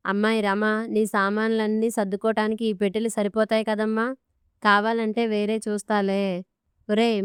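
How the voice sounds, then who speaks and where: A woman's voice: medium pitch, clean tone, dry recording, studio quality, close to an everyday voice. A woman reading an audiobook story, voicing a stern, commanding older father-in-law. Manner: commanding, blunt.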